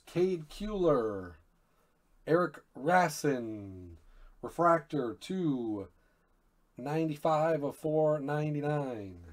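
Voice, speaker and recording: Slow, low-key man opening cards. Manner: slow and low-key, bursts into loud excited shouts on big pulls. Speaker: card break host. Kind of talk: live card-break commentary.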